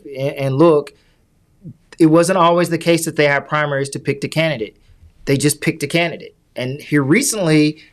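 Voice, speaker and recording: A man co-hosting a casual political talk podcast, who explains points at length with many restarts and slows down to stress them. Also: fairly high pitch. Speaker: podcast co-host.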